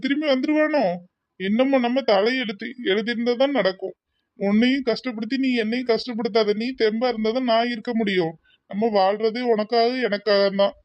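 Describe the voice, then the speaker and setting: A man voicing a grieving elderly husband in a cartoon, who keeps repeating himself as he pleads and gently scolds his wife. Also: very high voice, no echo. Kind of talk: cartoon voice acting. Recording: dull lo-fi dry recording.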